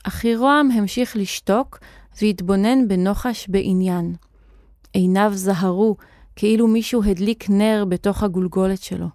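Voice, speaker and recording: A woman narrating a children's story in a clear, expressive reading voice. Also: mid-range voice, dry recording, clean studio sound.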